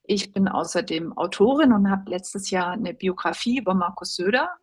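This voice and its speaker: A woman's voice: mid-range voice, animated, moderate pace, breathy edge. A woman in her forties, a journalist guest in an interview, talking thoughtfully with many fillers and light laughs. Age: 40s. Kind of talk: casual interview talk.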